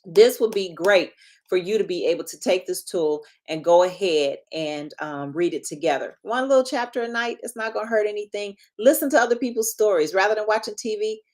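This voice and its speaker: A woman in her fifties, a marriage and relationship coach, talking casually and in a lively way on a live stream. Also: mid-range voice, brisk. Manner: lively, chatty, self-deprecating asides.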